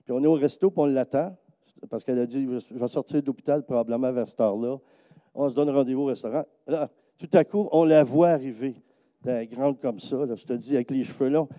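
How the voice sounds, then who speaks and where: A man's voice: quick pace, dry recording. A man preaching with a Quebec French accent, telling stories and acting out the people in them. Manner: lively storytelling, acting out quoted people in a higher voice. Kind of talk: sermon testimony. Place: church.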